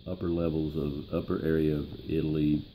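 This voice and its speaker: An elderly American man with a gravelly old voice, reminiscing in a plain-spoken, halting way in an interview. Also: very deep voice, level tone, mellow, a little hiss or hum, poor audio. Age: 70s or older. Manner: plain-spoken, halting, pausing mid-phrase. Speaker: interviewee, grandfather.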